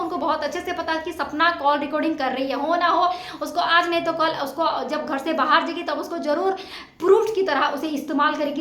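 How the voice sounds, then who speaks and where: A vlogger talks directly to her viewers about a family dispute, giving informal, opinionated commentary driven by emphatic, indignant rhetorical questions. Her voice is high-pitched and fairly bright. The room sounds echoey and untreated, with a little hiss or hum.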